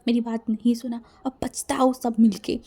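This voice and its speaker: A woman's voice: fairly high pitch, level tone, moderate pace, dark tone, breathy edge. A woman voicing a reproachful young person who scolds friends in a storybook reading.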